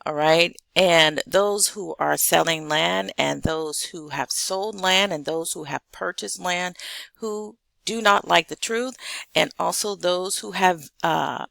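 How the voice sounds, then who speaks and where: American woman, heavily creaky, emphatic vlogger. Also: lowish voice, slow pace, a bit bright, dry recording. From South Carolina, United States. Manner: emphatic, blunt, repeats key points. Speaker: vlogger addressing an online audience. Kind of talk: direct-to-viewer vlog commentary.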